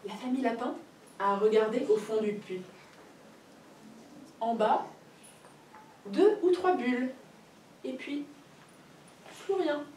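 Slow lively lady reading a kids' storybook, high voice, echoey room, mic far away. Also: slight background noise. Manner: expressive, playful storytelling with sound effects. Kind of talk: reading a picture book aloud to children. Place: library. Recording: roomy room recorded from a distance, faint ambience.

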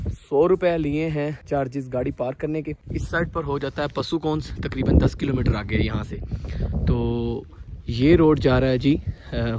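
A young man casually narrating a travel vlog, pointing out the sights as he goes, with frequent hesitations, filmed on a phone held at arm's length. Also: mid-range voice. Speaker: travel vlogger. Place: outdoors on a cold mountain road and village path. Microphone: phone camera held at arm's length. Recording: noisy outdoor phone recording.

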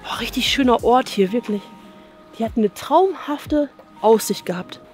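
Soft background music accompanies a fairly high, expressive voice at a moderate pace. The woman, in her thirties with a German accent, vlogs her walk through an abandoned campsite outdoors, thinking aloud casually and frequently asking viewers to agree. Her action camera is chest-mounted.

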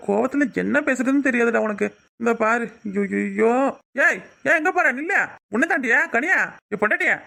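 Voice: medium pitch, creaky, bright, forceful tone. A performer with a Tirunelveli Tamil accent voicing an irritable young husband who grumbles and scolds his wife in a cartoon. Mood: worried. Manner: nagging, complaining rants. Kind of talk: cartoon voice acting.

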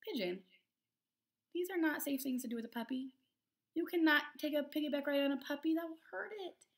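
A woman teacher reading a picture book aloud to children, expressive and playful, chatting about the story as she goes. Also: sits high, quick pace. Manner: expressive and playful, comments to kids. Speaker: elementary school teacher. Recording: roomy echo.

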